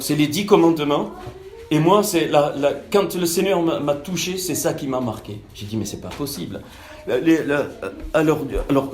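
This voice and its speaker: A man's voice: on the high side, darkish tone, a little hiss or hum. A man giving an informal Bible teaching over an online call, full of fillers and restarts, growing emphatic when he reads scripture. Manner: hesitant, many fillers and restarts. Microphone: online call audio. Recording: echoey call recording.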